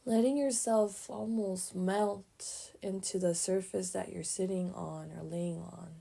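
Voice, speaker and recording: A woman guides a meditation, speaking softly in brief phrases separated by pauses, each trailing off breathily. Her voice is mid-range and her intonation fairly even.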